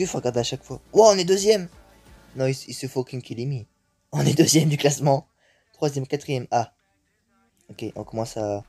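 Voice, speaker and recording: Excitable young man narrating his gameplay. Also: medium pitch. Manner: excitable, swears often, mixes English exclamations into French. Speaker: gaming YouTuber. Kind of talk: live gameplay commentary.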